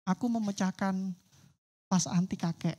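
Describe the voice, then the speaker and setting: A woman's voice: medium pitch, fairly even intonation, a little slow, mellow, lightly acted. Frightened little grandchild, anxious and pleading, as a woman preacher puts the child on. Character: scared little grandchild, anxious then relieved.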